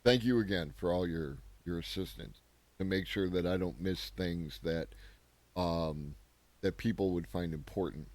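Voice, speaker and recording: A man's voice: low voice, a little slow, darkish tone, no echo. A man hosting a daily news commentary show, talking casually and sarcastically, thinking aloud and often tagging his points with a questioning "right?".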